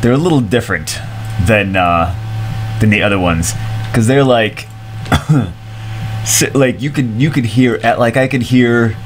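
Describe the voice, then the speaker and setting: A man in his thirties with a stuffy, mid-range voice streams games from a small room at home, speaking unhurriedly and pausing often. He's casual and excitable, rambling and repeating himself, and his headset picks up slight background noise.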